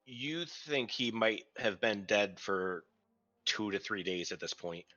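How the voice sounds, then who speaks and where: Brief: bright, forceful male game master, halting narration, dull lo-fi mic with faint music. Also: lowish voice, animated. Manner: hesitant narration with many ums and restarts. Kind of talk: narrating a tabletop game online.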